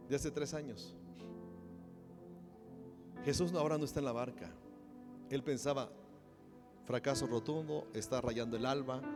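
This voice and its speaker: A man from Mexico, a pastor delivering a sermon, who moves from a quiet personal story to loud, impassioned preaching. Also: medium pitch.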